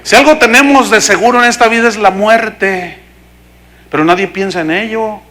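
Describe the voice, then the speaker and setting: A man's voice: sits high, normal speed. A middle-aged Mexican man, a pastor preaching a sermon and acting out the voices of people in his stories. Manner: animated storytelling, acting out voices.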